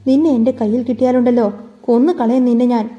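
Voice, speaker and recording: A woman voicing an angry young man yelling threats down the phone. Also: a little high, fairly even intonation, quick pace, highs cut off, natural voice.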